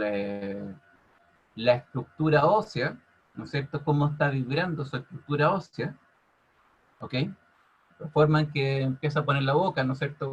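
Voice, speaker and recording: A man teaching a physics class over a video call, constantly checking in with his students by asking if it's clear. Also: medium pitch. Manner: checks in with "ok?" after nearly every phrase. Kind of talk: online class explanation. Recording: muffled lo-fi audio.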